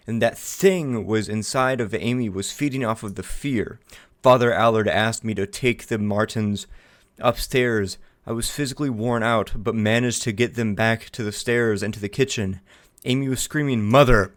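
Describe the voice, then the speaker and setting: Low male voice, casual profane let's play commentary, reads game text aloud, dry close sound. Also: no echo. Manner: casual and profane, reacts out loud while playing. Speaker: gamer playing a horror game.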